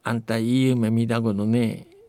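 A man's voice: mid-range voice, little pitch movement, moderate pace, dark tone, no echo, close to an everyday voice. A man voicing a simple-minded, stubborn young man who speaks in Akita dialect with a drawl.

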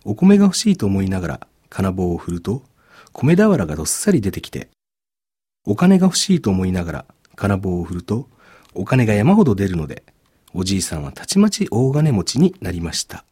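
Male narrator for a folk tale reading; low, husky, dark voice, lively inflection. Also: a little fast. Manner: expressive, storytelling. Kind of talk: storybook narration.

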